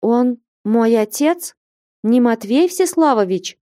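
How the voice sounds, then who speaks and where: Give me a high, overwrought boy, acted by a woman in an audiobook, dry and close. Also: expressive, slow pace, mellow, no echo. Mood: shocked. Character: excitable boy, then furious anguished teen.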